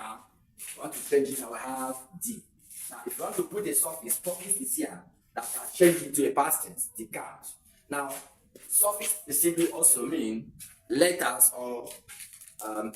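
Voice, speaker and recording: A man's voice: medium pitch, a little mellow. A man gives an exam-prep lesson, walking through rules step by step and repeating key phrases. He sounds distant from the mic. The room is echoey, with a faint hiss of noise underneath. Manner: repetitive, explains step by step. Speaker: English teacher.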